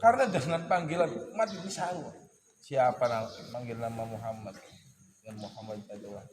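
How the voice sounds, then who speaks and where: A man teaching a casual weekly religious study session, joking and teasing his listeners and clearing his throat often. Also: mid-range voice, brisk, background noise. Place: boarding school study hall. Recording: echoey hall with clear birdsong and ambience.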